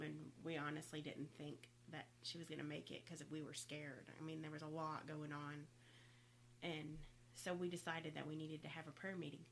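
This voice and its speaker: Low-voiced woman recalling family times. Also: a bit bright, slight background noise, rough recording. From Oklahoma. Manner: halting, fillers, reluctant then earnest. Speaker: guest sister. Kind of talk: casual family storytelling.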